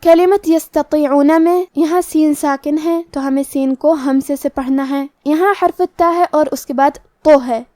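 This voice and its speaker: A woman's voice: high voice, fairly even intonation, few pauses, warm tone, dry recording, studio quality. A woman with a Pakistani Urdu accent, teaching Quran recitation rules, explaining each letter step by step in a methodical way. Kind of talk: tajweed lesson with slow recitation.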